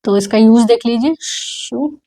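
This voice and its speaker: Indian woman, young, grammar teacher, slightly high voice, slow drilled words. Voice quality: slow, drawn-out pronunciation drills. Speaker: English teacher. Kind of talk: online grammar class.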